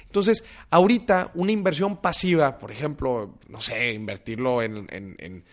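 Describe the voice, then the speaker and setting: A man's voice: mid-range voice, moderate pace. A young man with a Mexican accent, a finance author chatting casually as a podcast guest, slangy and emphatic as he ticks off points.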